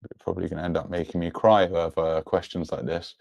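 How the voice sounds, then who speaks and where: A man's voice: low-pitched, little pitch movement, brisk, creaky, a little mellow, dry recording, muffled recording. A young man speaking as an interview guest in an earnest, introspective way about his own life. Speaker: podcast guest. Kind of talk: personal, reflective interview talk.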